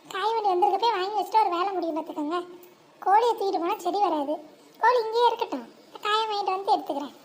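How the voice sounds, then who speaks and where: A woman's voice: very high voice, rapid-fire. A woman voicing chatty, crafty village housewives in a cartoon, exclamatory and colloquial, with a rural Tamil Nadu accent. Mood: friendly. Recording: faint background noise and ambience.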